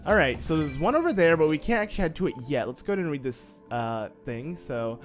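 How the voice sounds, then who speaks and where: Fast and expressive, this young man's somewhat high voice carries a slight just-woke-up rasp as he gives joking let's-play commentary on the game he's playing. Fillers and self-deprecating jokes pepper his talk, with faint game music in the background.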